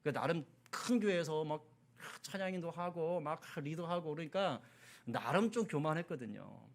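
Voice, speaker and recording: A male pastor preaching a sermon, telling a personal story with animated delivery and acted-out dialogue. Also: fairly high pitch, moderate pace.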